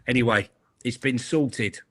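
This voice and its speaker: Bright-voiced joking man. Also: medium pitch. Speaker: podcast panelist. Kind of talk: casual football chat. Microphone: video call.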